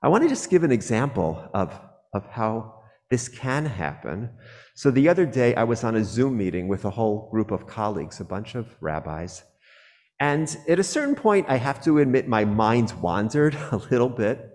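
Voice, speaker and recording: A man, a rabbi, giving a sermon with a measured, earnest delivery and slow, emphatic phrases. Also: mid-range voice, sing-song, a little mellow, in a large hall. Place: synagogue sanctuary.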